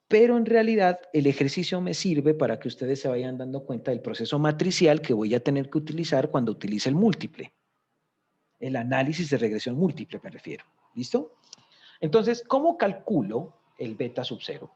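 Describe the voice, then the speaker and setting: The voice is a man's, slightly high, husky and darkish, captured on a recording with the high frequencies cut off. In this recorded economics lesson he works through a spreadsheet methodically and often checks in with his students.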